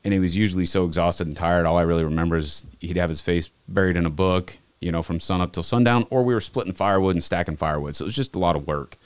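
A man from Montana, a podcast guest telling relaxed, rambling stories from his childhood in casual chat. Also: sits low, fast, hardly any pauses, clear, resonant tone, no room sound. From Montana, USA.

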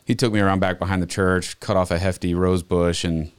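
A man from Montana, a podcast guest telling relaxed, rambling stories from his childhood in casual chat. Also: low-pitched, a little fast, clear, resonant tone, no echo. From Montana, USA.

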